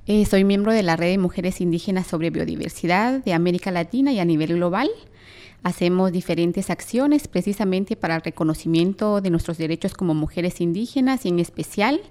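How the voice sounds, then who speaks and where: A young woman with a Guatemalan accent speaks earnestly as an activist guest in an interview. Her voice is lowish with a darkish tone.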